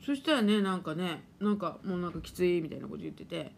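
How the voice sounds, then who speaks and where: A woman's voice: lowish voice, expressive, fast talker, vocal fry, slight background noise. Chatty laughing woman streaming live. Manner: chatty, laughs often, voices her washing machine playfully. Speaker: live-stream host and spiritual therapist. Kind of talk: casual live-stream chat reading viewer comments.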